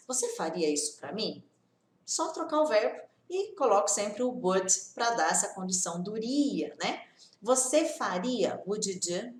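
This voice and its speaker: A woman teaches an English lesson, explaining patiently, checking in with short questions and repeating example sentences slowly. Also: medium pitch. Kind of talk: English lesson for Portuguese speakers. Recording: echoey room.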